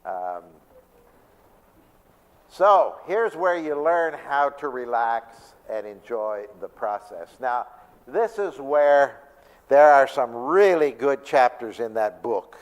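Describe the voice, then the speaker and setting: Pastor in a reverberant church hall. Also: male voice, medium pitch, expressive, takes it slowly. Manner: conversational, asks the audience questions. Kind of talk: church seminar talk on stress. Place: church sanctuary.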